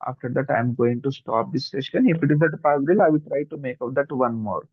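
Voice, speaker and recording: A man's voice: medium pitch, racing, breathy edge, dry recording, highs cut off. A man with a Telugu Indian accent, a native Telugu speaker, teaching chemistry exam questions informally in two mixed languages and often checking in with students.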